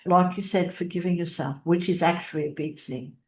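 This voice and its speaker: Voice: mid-range voice, steady tone, brisk. A podcast host asking personal questions and affirming the guest's answers. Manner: encouraging, affirming follow-ups. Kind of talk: interview hosting.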